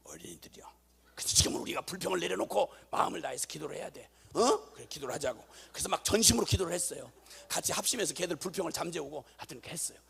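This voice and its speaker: Animated gravelly Korean-speaking preacher man. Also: fairly high pitch, rapid-fire. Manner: animated storytelling, acting out voices, rising to shouts. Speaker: missionary preacher. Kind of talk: sermon testimony.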